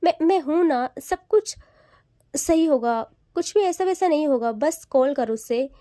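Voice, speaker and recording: A woman's voice: sits high, animated, a little slow, mellow, dry recording. A woman voicing a playful young woman who teases and pleads with her close friend, in a chatty, whiny way. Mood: pleading, teasing.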